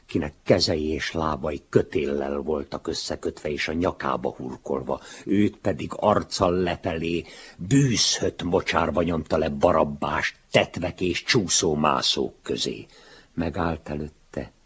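A man reading a literary story aloud in a measured, solemn way, in a dull lo-fi recording. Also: very deep voice, a bit bright, slightly rough. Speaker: reader.

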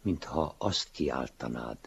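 A man voicing a gentle, soft-spoken master. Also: a bass voice, lively intonation, slightly rough, heavily acted. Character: gentle, calm male teacher figure, a mild master. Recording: dull lo-fi recording.

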